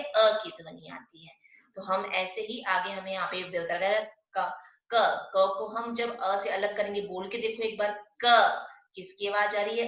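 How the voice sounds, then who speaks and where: Bright-voiced woman teaching Hindi letters. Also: medium pitch. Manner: explains step by step, asks questions and answers them herself; slows down and stresses sounds when saying example words. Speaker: primary school Hindi teacher. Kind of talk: online class lesson. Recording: echoey, dull lo-fi room sound.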